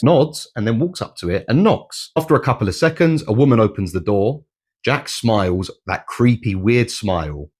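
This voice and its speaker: A man narrating a dark twist story in a suspenseful, dramatic manner. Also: medium pitch, husky. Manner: suspenseful, swinging between hushed and excited.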